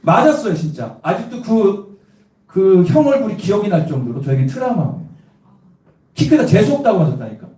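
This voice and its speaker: A man's voice: high-pitched, fairly quick. A middle-aged pastor, preaching and telling humorous personal stories while quizzing his congregation. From Cheongju, South Korea. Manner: lively, asks the congregation questions, tells personal stories with humor. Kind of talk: evangelistic sermon. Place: church sanctuary. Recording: echoey church sanctuary from a distance.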